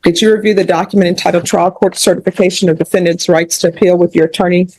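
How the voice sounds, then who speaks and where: A woman's voice: fairly low pitch, level tone, a little mellow, no room sound, rough recording. Firm woman judge, dry courtroom sound. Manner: firm, measured, questioning. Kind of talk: courtroom sentencing.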